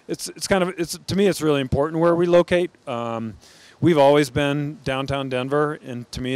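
A man's voice: mid-range voice, smooth. A middle-aged American man, a brewery founder, being interviewed on a brewery floor with a handheld mic. He answers thoughtfully and often restarts his sentences. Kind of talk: on-camera interview. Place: large brewery floor among steel tanks.

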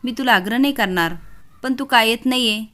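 Dignified worried mother, gentle and pleading; a woman narrator reads her lines. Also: fairly high pitch, fairly quick, voice pushed up, natural voice. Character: dignified anxious mother of the household.

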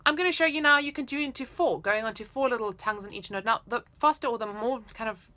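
Woman, thirties, music teacher, bright voice, casual explanatory delivery, encouraging. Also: on the high side, quick pace. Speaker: flute teacher. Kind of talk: casual instructional talk to camera. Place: indoors, small room at home.

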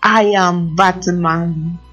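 A deep, menacing voice from beyond the grave, put on by a woman storyteller. It growls low and loud, with a strange, unnatural timbre. The recording is muffled, with faint music behind it. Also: fairly even intonation, extremely slow, exaggerated voice.

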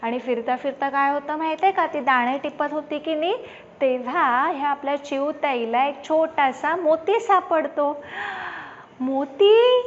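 A woman's voice: high voice, measured pace. A woman telling a children's story, asking the little listener questions as she goes. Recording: dull lo-fi with faint background noise.

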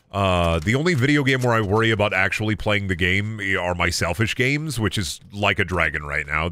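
A man in his thirties streams a game from a desk at home on a headset, rambling, putting himself down, and swearing at the game. His low, bright, forceful voice sounds sick and close to cracking.

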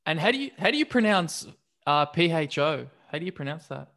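An Australian man hosts a casual podcast, rambling through his questions and cutting himself off. His voice sits a little higher than most men's. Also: very animated, brisk, gravelly, pushed and bright. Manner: rambling, self-interrupting. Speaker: podcast host.

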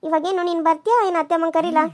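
A woman's voice: extremely high pitch, flat delivery, racing, a little mellow. A woman voicing a scheming young second wife in a cartoon serial. She taunts and bosses the others around. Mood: taunting. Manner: taunting, bossy.

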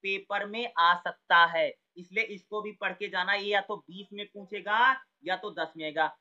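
Guy teaching exam prep, asks then answers himself, sharp voice. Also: high-pitched, steady tone, moderate pace, highs cut off. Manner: conversational, repeats words, asks and answers his own questions.

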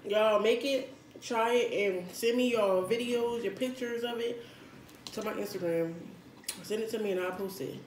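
A woman's voice: medium pitch, normal speed. An American woman chatting casually as a mukbang host, talking between mouthfuls of chips and dip. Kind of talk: casual chat while eating. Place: indoor room at a table. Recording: echoey room with background noise.

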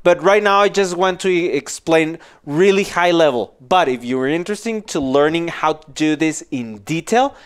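Speaking into a headset microphone in a small office, a man in his forties walks through an animation software tutorial step by step in a casual, informal way. His voice is on the high side with a clean tone.

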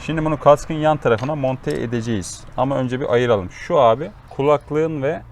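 Showing off motorcycle gear for his vlog, a man with a mid-range voice talks at normal speed, walking viewers through it with casual explanations and instructions. Ambient noise is clearly audible in the background.

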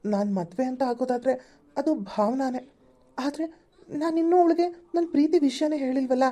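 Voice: high voice, fairly even intonation, fairly quick, warm tone, lightly acted. A woman voicing a lovestruck young man with a broken arm in a home-made cartoon. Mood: brooding. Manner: teasing, brooding inner monologue.

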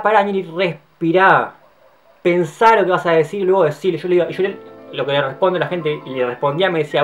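Here a twenty-something male vlogger from the Río de la Plata region chats casually to camera, his words spilling out fast with restarts and repetitions. Effusive and playful, he frequently trails into hushed asides. The recording sounds lo-fi, and faint guitar music plays behind him.

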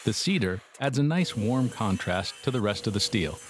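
A man's voice: on the low side, lively intonation, normal speed, background noise. A middle-aged man giving dry, matter-of-fact scripted narration for a metal workshop how-to, with wry asides. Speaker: metalworking instructor. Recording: voice-over with music bed.

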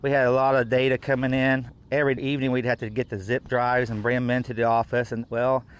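Plainspoken farmer. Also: male voice, mid-range voice, little pitch movement, fast, smooth. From United States. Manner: plainspoken, practical, with fillers. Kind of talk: on-camera interview.

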